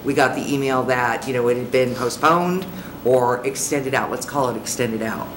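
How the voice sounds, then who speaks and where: A woman's voice: rumbling low, moderate pace. A woman on a city council, blunt and frustrated, questioning a presenter. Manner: blunt, frustrated, plain-spoken. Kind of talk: questioning at a public council meeting. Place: large council chamber, seated at the dais. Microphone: desk microphone. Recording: echoey noisy council chamber.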